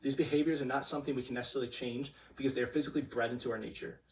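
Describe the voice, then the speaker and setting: Fast, stiffly memorized young man's speech, distant mic. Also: mid-range voice, fairly even intonation, a little hiss or hum. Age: young adult. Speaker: student competition speaker. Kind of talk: prepared persuasive speech. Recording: distant microphone.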